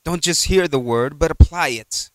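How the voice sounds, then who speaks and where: A man's voice: a little high, moderate pace, clear, resonant tone, dry recording. A man preaching a conversational sermon in a church, rambling through retold exchanges and peppering his talk with "you know.".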